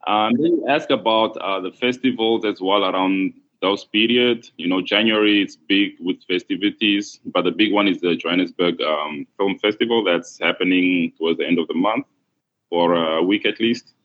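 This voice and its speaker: A man from Congo, a podcast guest, talking in a relaxed, unhurried way with many fillers. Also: low voice. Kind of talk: casual interview. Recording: dull lo-fi sound.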